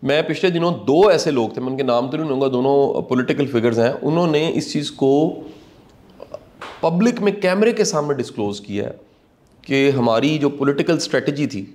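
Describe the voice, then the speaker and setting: A man's voice: mid-range voice, lively intonation, a little mellow. A middle-aged man giving a motivational talk in an earnest, preacherly way, repeating key lines for emphasis. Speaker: motivational speaker. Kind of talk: reflective commentary talk.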